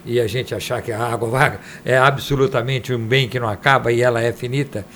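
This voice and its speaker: A man's voice: mid-range voice, fairly even intonation, fairly quick, a bit bright, a little hiss or hum. A man interviewing a guest, reflective, asking long musing questions. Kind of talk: radio interview.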